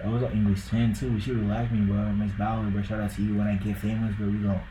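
The co-host is a young Ghanaian man with a fairly low, warm voice, speaking fast and level in a Ghanaian accent during loose, casual podcast chat packed with likes and bros. It's a rough, reverberant recording with a little hiss or hum.

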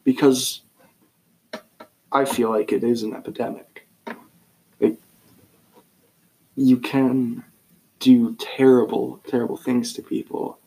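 A teenage boy co-hosting a podcast in casual chat, relaxed and rambling, sometimes searching for words. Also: medium pitch, takes it slowly, gravelly, pauses often, a little hiss or hum, poor audio. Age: teens. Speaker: podcast co-host.

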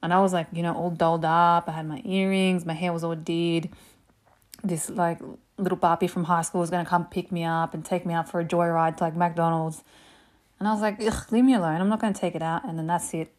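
A woman's voice: on the low side, brisk. Profane, chatty woman telling stories. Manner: animated, profane, lots of "like". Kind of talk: casual storytelling.

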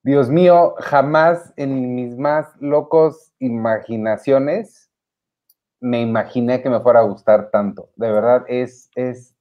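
A man's voice: medium pitch, takes it slowly. A man co-hosting a podcast in casual chat, chiming in conversationally. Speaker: podcast co-host. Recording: dull lo-fi sound.

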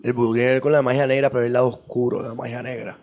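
A man's voice: mid-range voice, little pitch movement, rapid-fire, a little mellow. A man explaining in casual interview talk, at length, with frequent repeats and restarts. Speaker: guest on esoteric topics.

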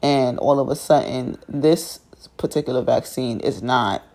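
A woman's voice: extremely low pitch, unhurried, warm tone. A woman vlogger in a groggy morning voice, talking casually to her viewers and giving her opinions with plenty of ums. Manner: chatty and opinionated, loose with many ums. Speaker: vlogger hosting her own channel. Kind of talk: casual talk to camera.

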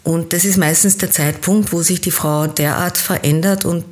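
Low-voiced woman guest from Kenya. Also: fairly even intonation, normal speed. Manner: thoughtful, explaining at length with hesitations. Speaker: interview guest, team-building coach. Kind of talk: interview.

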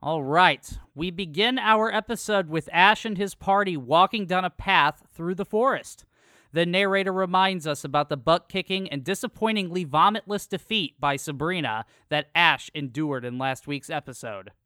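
Bright, crisp-voiced podcast co-host. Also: male voice, sits high, normal speed, no room sound, studio quality. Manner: jokey, reads episode summary from script. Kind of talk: casual recap chat.

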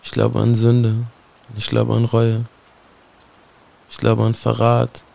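Speaking straight to a listener, a man recites spoken-word poetry, solemn and brooding. His voice is low and gravelly, dark and mellow, held to a slow, monotone line that stays almost completely level.

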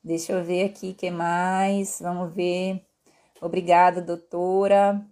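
A woman endocrinologist hosts a live-stream Q&A, casually answering viewers in a friendly, explanatory way and frequently checking in with "tá?" and "né?". Her Brazilian Portuguese carries a Pará accent mixed with Northeastern tones, and her voice is fairly low, level, slow and dark.

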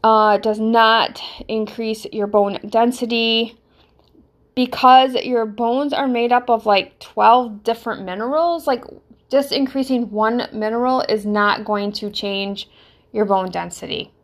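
A woman's voice: on the high side, slow pace. A middle-aged woman with a Southern US accent hosting a casual solo fitness podcast, rambling and thinking aloud with fillers. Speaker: podcast host, fitness coach.

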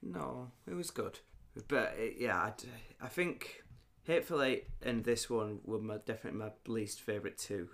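A man's voice: fairly low pitch, moderate pace, creaky, hardly any pauses. A man co-hosting a podcast in casual chat, with short, dry replies. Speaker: podcast co-host.

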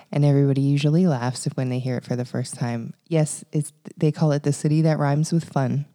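A Canadian woman in her thirties co-hosts a podcast, chatting casually about her life in a mellow, bass voice that stays steady at a fairly quick pace. Her storytelling is chatty, full of fillers and laughs.

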